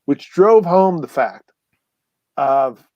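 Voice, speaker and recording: A man's voice: fairly high pitch, extremely slow, no echo. Chatty man telling stories, dry sound. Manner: rambling, animated, many fillers and restarts. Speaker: guest. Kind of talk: casual storytelling chat.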